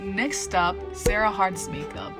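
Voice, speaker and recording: A woman's voice: mid-range voice, slow, loud music behind the voice. A young woman vlogger chatting casually and reading stories aloud, giggling often and dropping in asides full of "like". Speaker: beauty vlogger.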